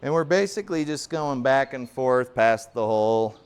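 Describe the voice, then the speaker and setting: A man in his forties chatting through a round in his home golf simulator. His voice is smooth and clear at a middling pitch, and he rambles along in a casual, self-deprecating way. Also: lively intonation, moderate pace. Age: 40s. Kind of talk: casual play-along commentary.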